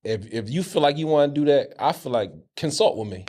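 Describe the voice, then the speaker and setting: A man's voice: on the high side, animated, brisk, a little mellow. A man co-hosting a casual podcast, telling candid, profane stories with many stammered restarts. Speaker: co-host.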